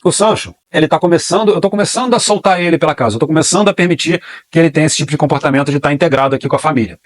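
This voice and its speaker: Brazilian male dog trainer, quick and fairly high voice, dry close sound, rhetorical teaching style. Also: dry recording. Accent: Brazilian Portuguese. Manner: explanatory, repeats key phrases, asks and answers own questions. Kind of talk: online training class.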